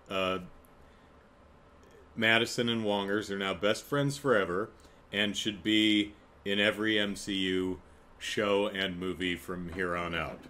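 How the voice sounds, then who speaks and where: A man with a fairly low voice talks through an episode recap in a loose, casual way. He rambles, fills gaps with ums and uhs, and chuckles at his own asides. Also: bright, forceful tone. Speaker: TV episode reviewer.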